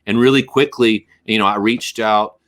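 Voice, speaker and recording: A middle-aged man, a musician guest in a casual interview, talking in a rambling, animated, jokey way. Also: on the low side, normal speed.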